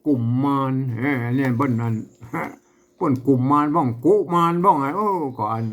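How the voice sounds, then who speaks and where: A man teaching Lanna language, who chants verse lines high and loud, then explains them softly with small laughs. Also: expressive, normal speed. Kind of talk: reading and explaining a verse text.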